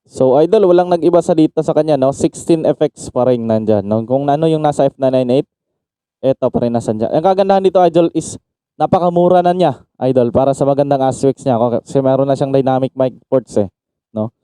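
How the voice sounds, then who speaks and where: A man's voice: medium pitch, a little fast, dark tone, clear, resonant tone, no room sound. A man from the Philippines giving a casual product demo, chatting to viewers as "idol" and breaking into mic checks. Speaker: sound card reviewer and MC. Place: home facing a market.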